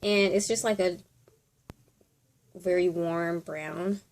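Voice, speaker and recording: A woman's voice: lowish voice, fairly even intonation, slow, very noisy. A woman hosting a casual top ten countdown, chatting informally and thinking aloud as she gives her commentary. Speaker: video host.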